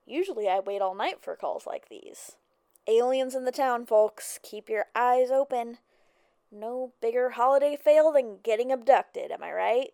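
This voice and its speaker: Smooth radio host, a woman playing her. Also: fairly high pitch, warm tone, no room sound, studio quality. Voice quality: breezy, chatty patter. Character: upbeat female small-town radio host. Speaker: radio call-in show host.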